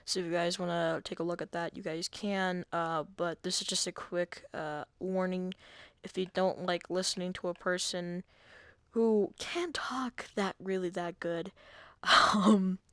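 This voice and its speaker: A man's voice: high-pitched, flat delivery, moderate pace, gravelly, hardly any pauses, pushed and bright, smooth, dry recording. A man talking through a casual screen-recorded game tutorial, hesitant and self-deprecating, with many fillers and restarts.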